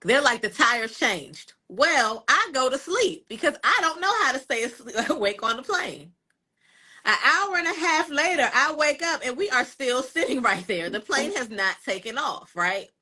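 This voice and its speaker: A woman with a bright, forceful voice pitched a little high, spinning a story for her listeners. She talks casually, acts out the moments, and keeps checking in with her audience. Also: moderate pace. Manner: animated, dramatic retelling with asides to listeners. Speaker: co-host.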